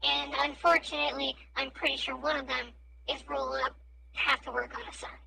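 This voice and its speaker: A woman playing in a casual tabletop game chat, playful and quick with jokes. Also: high voice, level tone, creaky, pushed and bright, a little hiss or hum, poor audio. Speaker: player. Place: home streaming setup.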